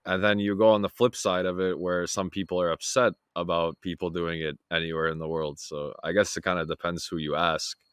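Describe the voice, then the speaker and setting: A young man, a guest talking in an easygoing, relaxed way with many fillers. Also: low-pitched, fairly quick, few pauses, clean tone, no echo, studio quality. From Toronto, Canada. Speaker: guest, freight broker. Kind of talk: casual interview chat.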